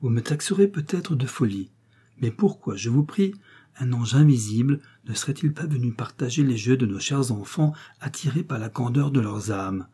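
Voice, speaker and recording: A gentle, puzzled young mother in a storybook reading, voiced by a male narrator, soft and hesitant. The timbre stays husky and mellow. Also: medium pitch, expressive, moderate pace. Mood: perplexed.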